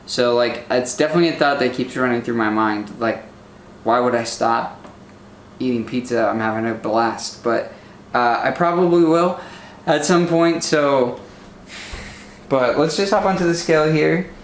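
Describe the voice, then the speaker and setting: A man's voice: mid-range voice, moderate pace, reverberant, slight background noise. A young man vlogging casually from his home kitchen, talking in a rambling, easygoing way full of fillers. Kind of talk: casual vlog chat.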